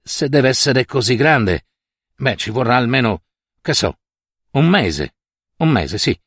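A man's voice: medium pitch, expressive, slow, a bit bright, husky, no room sound, studio quality, full character voice. A man voicing a humble, pious craftsman who answers his master respectfully and pleads with him. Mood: deferential.

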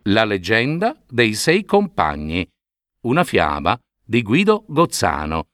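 A man reading a slow, deliberate scripted intro as an announcer. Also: lowish voice, wildly swooping pitch, a bit bright. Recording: music behind the voice.

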